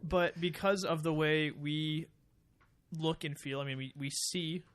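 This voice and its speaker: A man's voice: a little high, steady tone, a little slow, a bit bright. A man co-hosting a casual podcast, speculating at length and explaining his ideas with fillers. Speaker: podcast co-host. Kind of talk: casual chat.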